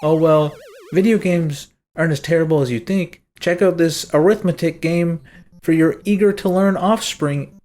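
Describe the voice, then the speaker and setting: A man's voice: a little high, moderate pace, darkish tone, voice pushed up, close to an everyday voice. A man putting on the voice of a sugary, salesy daytime TV talk show host. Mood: chirpy.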